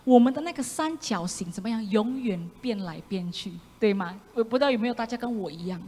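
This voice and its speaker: A woman preaches a lively sermon, swinging from loud exclaims to whispered asides as she acts out the story. Her voice sits fairly high. It rings with long reverb in a church hall over a faint background hiss. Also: fairly quick. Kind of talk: sermon with congregation reading along. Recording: echoey church hall, faint room noise.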